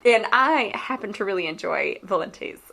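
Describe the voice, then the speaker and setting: A woman's voice: medium pitch, moderate pace, vocal fry. A woman co-hosting a podcast, talking animatedly about books, acting out little quotes and saying "like" a lot. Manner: animated and chatty, acts out quotes, laughs, says "like" often. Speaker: podcast co-host. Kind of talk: casual book discussion.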